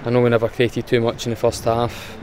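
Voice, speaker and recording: Scottish footballer, flat plain delivery. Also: male voice, mid-range voice, a little fast, a little hiss or hum. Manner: plain, matter-of-fact, restarts with fillers. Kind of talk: post-match interview. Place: outdoors in front of a sponsor board.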